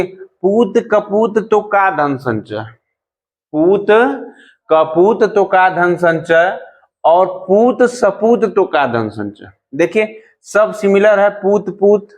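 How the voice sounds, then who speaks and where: High-voiced grammar teacher. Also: male voice. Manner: calls students "beta", asks and answers his own questions, recites verse slowly. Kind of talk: classroom-style grammar lesson.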